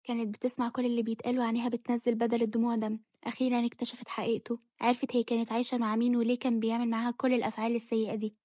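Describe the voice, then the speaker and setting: Brief: egyptian woman narrating a romance novel, very fast, monotone, dry close sound. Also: a little high, breathy edge, dry recording. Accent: Egyptian Arabic. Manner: rapid, flat storytelling.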